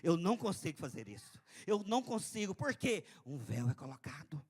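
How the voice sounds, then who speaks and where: A man preaching a church sermon. He swings from quiet to loud and often repeats his phrases. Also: a little high, sing-song, a little fast, breathy edge. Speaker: pastor. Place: church service.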